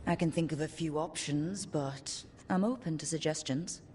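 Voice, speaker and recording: A woman with a low, mellow voice at normal speed, lightly acted over a slight hiss or hum. She plays a resolute, earnest young woman leading a band of heroes in a dramatic fantasy game, sounding determined, rallying and plain-spoken.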